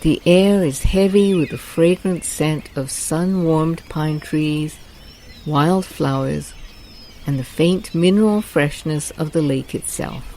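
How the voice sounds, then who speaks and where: In a soft, mellow, low-pitched voice, a woman guides a meditation, lingering over each phrase with slow, soothing delivery. Faint water sounds play gently behind her. The recording is rough, with a little hiss or hum.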